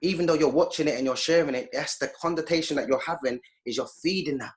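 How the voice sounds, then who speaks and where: A man's voice: fairly high pitch, quick pace. A man speaking as an interview guest. He talks in an emphatic, preachy way over a video call. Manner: emphatic, preachy, acts out quoted voices. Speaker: guest speaker, youth activist. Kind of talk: impassioned interview talk.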